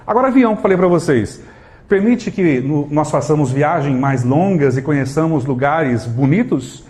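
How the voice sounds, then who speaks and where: A man with a Brazilian Portuguese accent giving a live motivational talk to an audience, animated and full of rhetorical questions, acting out little scenes. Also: on the high side, moderate pace. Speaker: motivational speaker.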